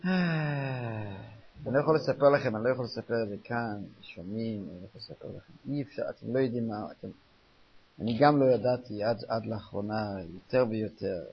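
A man's voice: lowish voice, husky. An older man talking informally as a rabbi, emphatic, repeating phrases for weight. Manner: emphatic, repeats phrases, mixes in Yiddish-style German. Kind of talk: informal talk to listeners. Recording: dull, lo-fi recording.

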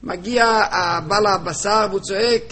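A man telling a story to a group at a gathering, halting and often repeating and restarting his words. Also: high-pitched, bright, forceful tone. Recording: crowd chatter behind voice.

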